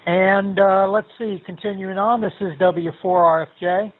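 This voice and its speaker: An older man checking in to an amateur radio net, talking in a relaxed, rambling, hesitant way, heard through a tinny narrow-band radio transmission. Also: high-pitched, unhurried, dry recording. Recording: tinny, dry radio-link audio.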